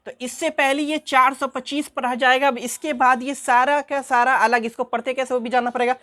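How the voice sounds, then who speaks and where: Female math teacher, higher-pitched, patient classroom explainer with a repetitive question-and-answer delivery. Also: steady tone, brisk, a bit bright. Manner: asks questions and answers them herself, repeats key terms.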